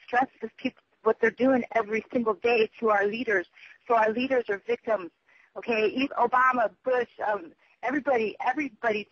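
Over a telephone line, a caller with a medium-pitched voice leaves an urgent, meandering voicemail full of repetition, emphasis, and cursing. There's no echo, though the message sounds muffled and dull.

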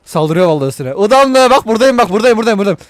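A man narrating his gameplay to viewers with a high, bouncy voice that swings widely up and down. He is excitable, jokes crudely and swears often as he reacts to the game. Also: racing, dry recording. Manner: talks to viewers while playing. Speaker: gaming video host. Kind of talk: let's play commentary.

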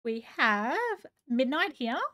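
A woman live streamer chatting casually and gushing as she reads chat aloud. Her voice is going a little hoarse. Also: sits high, big pitch swings, takes it slowly, bright, forceful tone.

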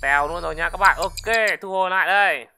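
An excitable gaming channel host, giving let's-play commentary, often shouting wow and repeating words in quick bursts. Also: medium pitch, faint music behind. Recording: clear background noise.

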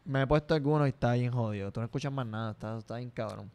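A young man with a Puerto Rican accent, throwing in quick, joking remarks in casual podcast chat. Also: medium pitch, vocal fry, darkish tone. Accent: Puerto Rican Spanish. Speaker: podcast co-host.

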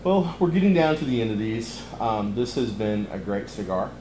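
A middle-aged man, chatting casually in a cigar lounge as he reviews a cigar, relaxed and easygoing with many ums. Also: fairly low pitch, normal speed, roomy sound, noisy background. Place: cigar lounge, indoors, leather chairs.

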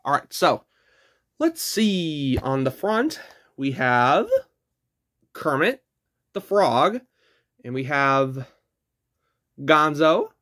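A man's voice: fairly high pitch, sing-song, drawn-out words, pauses often, a bit bright. A man casually reviewing a DVD for his channel, chatty and eager as he points out what he is showing.

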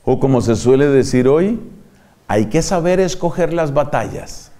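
An older man, a friar preaching a sermon in an animated, dramatic way that acts out examples. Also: a little high, unhurried. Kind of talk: sermon to religious.

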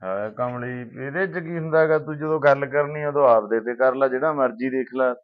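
A man with a Punjabi accent playing a calm, easygoing elder brother who soothes his sister. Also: medium pitch, fairly quick, natural voice. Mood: placating. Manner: soothing, placating. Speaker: elder brother in a family drama. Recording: dull lo-fi sound.

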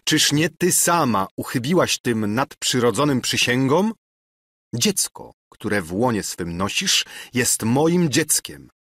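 A man voicing a loud, hot-blooded young officer. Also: fairly low pitch, animated, unhurried, dry recording. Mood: impassioned. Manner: loud, pleading and furious.

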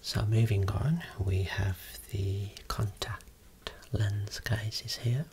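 A voice whispering slowly and softly, showing eye-clinic equipment as an ASMR role-play optometrist. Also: low-pitched, fairly even intonation, slight background noise. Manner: soft unvoiced whispering, explaining slowly.

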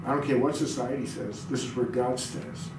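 A man's voice: medium pitch, steady tone, normal speed, recorded from a distance. Middle-aged man preaching in an echoey room. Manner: reads scripture aloud and quizzes the audience. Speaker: pastor. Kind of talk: sermon. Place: small church room indoors. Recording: very echoey room, heard from afar, noisy.

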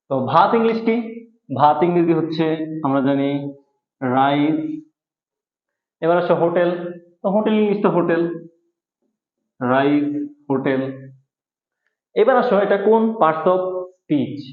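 A man teaching a grammar lesson, explaining slowly and repeating each rule. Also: on the high side, expressive. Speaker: English teacher. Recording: echoey room over a thin phone-like line.

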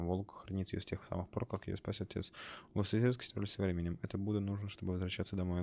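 A man's voice: sits low, a little mellow, slight background noise. A man casually commenting on a video game as he plays it, joking, swearing now and then, and reading the on-screen text aloud. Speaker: gamer playing a video game. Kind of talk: casual let's-play commentary. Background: game music.

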